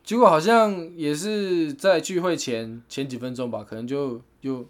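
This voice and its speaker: A young man tells stories in a loose, rambling way, padding his sentences with fillers. His voice sits a little high for a man, and he laughs easily as he talks. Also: normal speed. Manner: rambling anecdotes full of 'this way' fillers, laughs often. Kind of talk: casual chat, storytelling.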